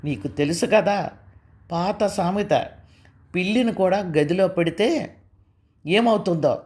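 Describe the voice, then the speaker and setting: A woman's voice: lowish voice, measured pace, darkish tone, close to an everyday voice. A woman voicing a long-patient young husband who speaks firmly and insistently. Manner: firm and insistent.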